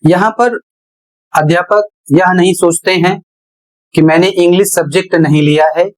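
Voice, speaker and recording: A man teaching English pronunciation rules at a board, explaining slowly and repeating key points. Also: high voice, fairly even intonation, low-quality recording. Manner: slow, deliberate explaining with repetition. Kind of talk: classroom lesson at a whiteboard.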